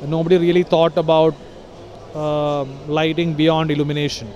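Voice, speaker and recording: Man, thirties, high pitch, lots of "uh", consultant interview at a trade show. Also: level tone, normal speed, darkish tone, muffled recording. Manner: explanatory, many hesitations. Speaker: lighting design consultant. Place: busy expo hall. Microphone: handheld mic from interviewer.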